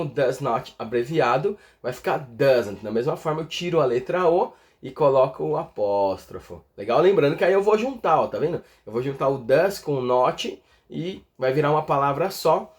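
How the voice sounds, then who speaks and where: A man's voice: fairly high pitch, lively intonation. Patient man teaching a language lesson. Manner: patient, tags lines with "tá?" and "né?"; slows down to spell out examples. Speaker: English teacher.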